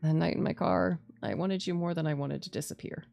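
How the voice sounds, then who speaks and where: A woman's voice: on the low side, steady tone, brisk, gravelly, dark tone, soft background music. A woman voicing a weary, anguished male doctor in a visual novel, tender and self-blaming, with a subdued, heavy-hearted delivery. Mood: tender confession. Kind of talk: visual novel dialogue reading.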